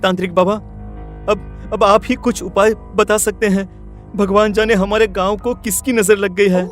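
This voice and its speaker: A man acts an anguished young villager with a high voice. He is earnest and halting yet determined, in horror-story style with faint music. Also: level tone, natural voice. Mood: anxious, determined.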